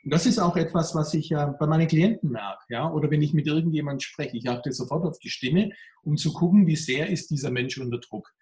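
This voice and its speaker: A man answering interview questions in a candid, reflective way. His voice sits fairly high and sounds pressed and tense, and it rings with a roomy echo. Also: fairly quick, darkish tone. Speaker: mental trainer.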